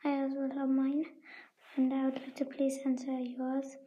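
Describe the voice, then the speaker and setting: A woman leaving a quiet, politely formal voice message on a dull lo-fi recording. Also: sits high, completely flat delivery, normal speed. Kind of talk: casual voice message.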